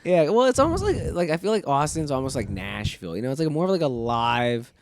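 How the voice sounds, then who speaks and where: A man's voice: a little high, very animated, fast. A man hosting a podcast in casual chat, easygoing and rambling, often asking "you know what I mean". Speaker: podcast host.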